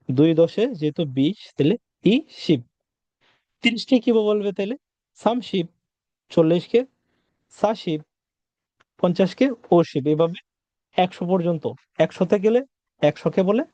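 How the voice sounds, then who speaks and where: A man with a fairly high but mellow voice teaches a vocabulary lesson. He talks patiently, repeating words and asking the listener questions. The sound is dry and a little dull, as on a lo-fi recording. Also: lively intonation, measured pace, long pauses, no room sound. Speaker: Korean language teacher.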